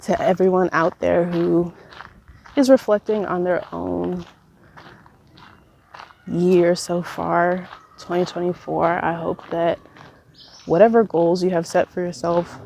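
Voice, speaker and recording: A woman's voice: on the low side, creaky, dark tone, slight background noise. A woman in her twenties musing pensively in a casual, reflective solo vlog, letting her thoughts trail as she goes. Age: 20s. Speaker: vlogger. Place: walking while recording, as a walk-along vlog.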